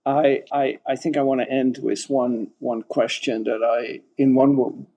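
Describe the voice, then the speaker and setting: A man's voice: medium pitch, level tone, a little slow, dark tone. A man hosting a podcast interview, posing questions with some hesitant restarts, then reading a closing. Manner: hesitant, restarts mid-sentence. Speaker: podcast host.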